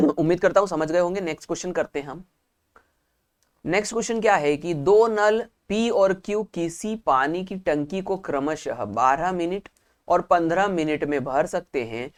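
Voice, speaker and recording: A man's voice: on the high side, moderate pace. A male teacher giving a math lesson for exam prep, explaining step by step and asking questions aloud that he then answers himself. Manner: explains step by step, repeating key points.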